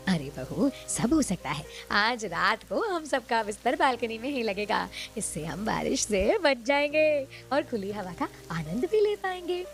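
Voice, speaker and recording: A woman voicing a bossy, thrifty middle-aged mother-in-law in a cartoon story, who gives commands in a lower voice. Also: big pitch swings, measured pace, hardly any pauses, faint music behind. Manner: commanding, scheming.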